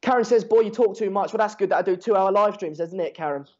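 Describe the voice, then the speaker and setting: This young English streamer, seventeen and a native Dutch speaker, riffs on a football match and chats with viewers in a sarcastic, laddish, foul-mouthed way. His voice sits high and he talks fast, picked up by a dull, low-fidelity mic.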